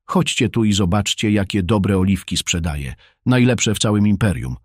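Man voicing a chatty fruit seller, friendly, deep, dry close sound. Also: normal speed, breathy edge, no echo. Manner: warm, chatty, sometimes lowers to a whisper. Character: friendly, talkative male market fruit seller.

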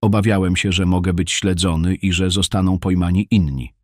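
A man's voice: sits low, steady tone, brisk, darkish tone, dry recording, studio quality. A man voicing a tired, wary male scribe on the road who speaks in short, guarded lines.

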